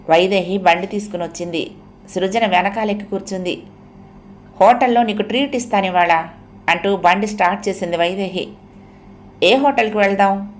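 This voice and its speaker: A woman reading an audio novel aloud in a steady, even storytelling manner. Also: lowish voice, a little hiss or hum. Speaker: audiobook narrator. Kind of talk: scripted audio novel narration.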